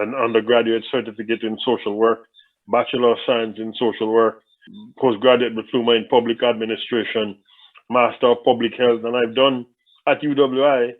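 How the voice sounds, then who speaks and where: Guy on a thin phone line, talks it through slow and careful, lots of restarts, middle pitch. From Jamaica. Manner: thoughtful, with frequent restarts and repeated words. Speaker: interview guest. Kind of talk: conversational interview answers. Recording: tinny phone-line audio.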